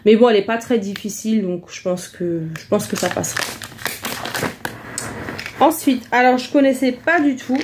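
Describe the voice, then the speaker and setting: A woman's voice: a little high, moderate pace, long pauses, background noise. A woman chatting casually through a shopping haul vlog, hesitant and full of fillers. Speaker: vlogger showing a shopping haul.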